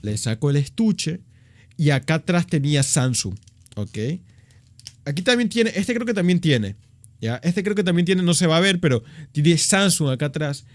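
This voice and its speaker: Ecuadorian guy in his 20s, swearing a lot, tells stories all animated, bit high voice, dry close mic. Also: normal speed, dry recording. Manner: slangy, profane, animated retelling. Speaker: vlogger. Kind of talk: casual storytelling vlog.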